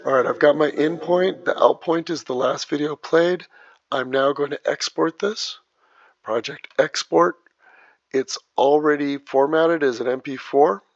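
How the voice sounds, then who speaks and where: A man teaching video editing step by step, narrating each click as he works, heard through low sample rate, muffled audio. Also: unhurried, no echo. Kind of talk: step-by-step screen tutorial. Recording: dull lo-fi dry voice track.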